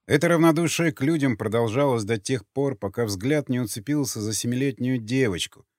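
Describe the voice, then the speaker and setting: A man reading an audiobook in a measured, somber narration. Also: medium pitch, a little mellow, dry recording, clean studio sound. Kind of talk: scripted narration.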